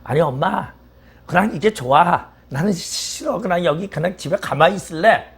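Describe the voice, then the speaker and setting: Storytelling voice: a scared little eaglet, pleading and high, done by a man with a husky voice. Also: animated, moderate pace, exaggerated voice. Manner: whiny, pleading. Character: small frightened baby eagle begging its mother.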